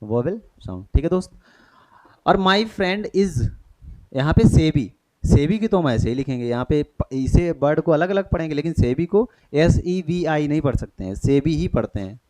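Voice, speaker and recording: A man leads an exam-prep grammar lesson, his voice sitting a little high for a man. He keeps quizzing the class and checking that they follow. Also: lively intonation, normal speed, darkish tone. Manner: questioning, repeats checks like "thik hai". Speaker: teacher.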